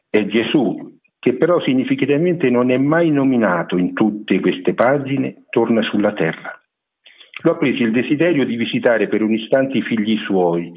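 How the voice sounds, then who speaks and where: A man giving a measured, explanatory radio lecture on literature. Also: mid-range voice, a little hiss or hum. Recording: narrow phone-like radio broadcast.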